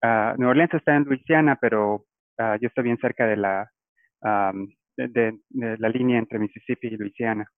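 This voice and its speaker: A man's voice: mid-range voice, normal speed, no echo. A man from Guatemala, a guest explaining his career in a casual interview. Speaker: guest, data scientist. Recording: tinny phone-like line, dry.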